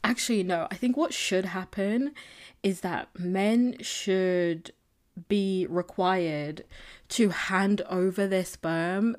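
A woman's voice: lowish voice, a little mellow. A woman hosting a solo podcast, chatting casually and candidly in a rambling, opinionated way. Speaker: podcast host. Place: indoors, a room other than the usual setup. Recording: slightly echoey, recorded in makeshift room.

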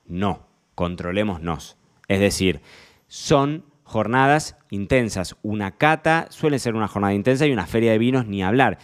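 A man with an Argentine accent, a sommelier hosting a podcast, talking loudly and casually, joking and restarting his sentences. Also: lowish voice, animated, normal speed. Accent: Argentine Spanish. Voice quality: talks fairly loud. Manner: chatty, joking, lots of fillers and restarts.

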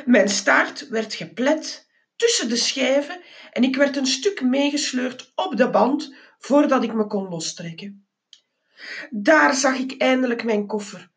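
Slow, expressive woman reading aloud. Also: sits high. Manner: expressive, with small slips and restarts. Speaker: reader. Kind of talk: reading a children's book aloud.

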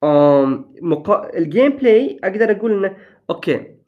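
A man's voice: high-pitched, sing-song, fairly quick, phone-quality sound. A young man in casual gaming chat, upbeat and enthusiastic, slipping English phrases into his talk. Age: young adult.

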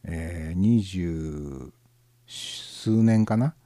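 A man from southern Gifu, Japan, with a Gifu-Nagoya accent, hosting a casual internet radio show alone in a relaxed, musing way, with many fillers. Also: low-pitched, very slow, no echo, clean studio sound. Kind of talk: casual solo chat.

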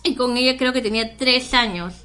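A woman's voice: on the high side, brisk, bright, forceful tone, faint music behind. A woman, co-hosting a casual chat and telling a personal story in a candid, self-mocking way with frequent laughs.

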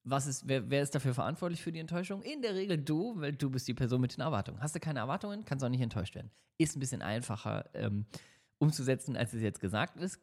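A man's voice: medium pitch, darkish tone. A man giving motivational career advice in a podcast, talking straight to the listener with many fillers and tag questions. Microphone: studio microphone.

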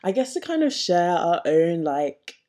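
A young woman co-hosting a casual chat podcast, husky with her morning voice, relaxed and thoughtful. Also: lowish voice, measured pace. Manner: relaxed, thoughtful, uses many fillers. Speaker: podcast co-host.

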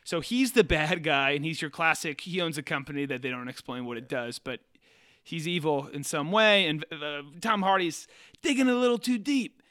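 Bright, animated young man podcasting. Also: on the high side. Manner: animated, jokey, recaps shows with quick put-on quotes. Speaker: podcast co-host. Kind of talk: casual comedy podcast chat.

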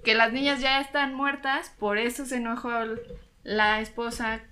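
A woman's voice: a little high, level tone, moderate pace, pushed and bright, smooth. A young Mexican woman co-hosting a casual true-crime podcast, chatty and slangy, laughing often. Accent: Mexican Spanish. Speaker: podcast co-host.

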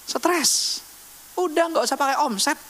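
A man preaching a sermon in a lively, conversational way, teasing the congregation with questions. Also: extremely high pitch, a little slow. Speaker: pastor. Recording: long hall reverb.

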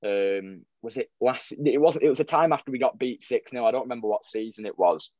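Quick-talking young man. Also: medium pitch, darkish tone, dry recording. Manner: rambling storyteller with many restarts and fillers. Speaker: football fan vlogger, guest. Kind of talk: casual podcast chat.

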